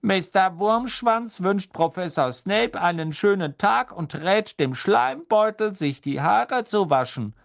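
Male reader as an insolent enchanted map, prim and taunting, pitched high. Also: expressive, slow, vocal fry, few pauses, heavily acted. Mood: mocking. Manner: mock-polite, taunting. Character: mocking enchanted map, cheeky male pranksters' voice.

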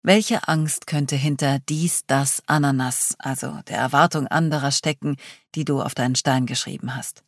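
Reader doing a calm man leading a group, soft and low, probing, dry sound. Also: moderate pace, gravelly, no echo. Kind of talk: audiobook reading.

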